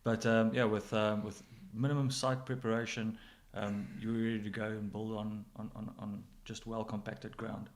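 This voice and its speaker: A man's voice: fairly low pitch, level tone, moderate pace, few pauses. A middle-aged man with a South African accent, giving casual interview answers as a general manager.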